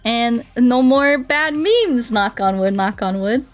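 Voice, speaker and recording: Slow-paced and expressive, this slightly high female voice belongs to a game streamer who chats casually and playfully with her chat, wandering from topic to topic. There's music in the background.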